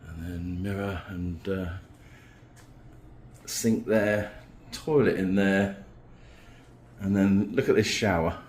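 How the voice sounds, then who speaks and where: A man's voice: deep voice, slow, long pauses, a little mellow, slight background noise. A man giving a casual, unscripted vlog room tour in an appreciative, amused, understated way. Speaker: vlogger.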